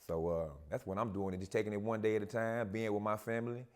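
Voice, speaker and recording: A man with a low voice is a guest on a casual talk show. He speaks calmly and steadily, reflective, with Southern slang. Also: quick pace.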